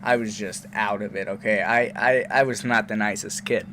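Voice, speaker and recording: A young man telling a personal story on his vlog in an animated, rambling way, often stopping to ask "okay?". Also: fairly low pitch, moderate pace, slight background noise. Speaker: vlogger.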